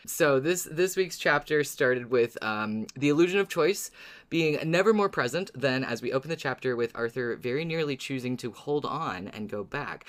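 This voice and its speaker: A man with a medium-pitched, slightly bright voice co-hosts a podcast, chatting casually and recapping things in a playful, wry, dramatic style.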